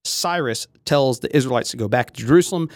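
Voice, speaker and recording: A man of middle pitch talks through scripture in a loose, conversational way, circling back with fillers and restarts as he thinks aloud. The sound is close and dry, with no room around his voice. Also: fast talker, no room sound. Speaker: podcast host. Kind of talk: casual theological monologue.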